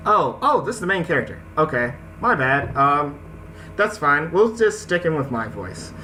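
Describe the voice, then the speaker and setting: A man's fairly high, sing-song voice comes through pushed and bright at a moderate pace, though the audio is poor, with a little hiss or hum. He hosts a casual gaming let's play, mixing slangy asides with story reading over video game music.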